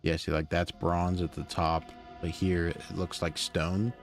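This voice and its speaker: A young man with a very low voice, streaming a game live and chatting in a loose, rambling way. He sounds tired, and faint game music plays behind him. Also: level tone, measured pace. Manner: rambling, laid-back, lots of fillers. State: tired, yawning. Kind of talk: casual live-stream commentary.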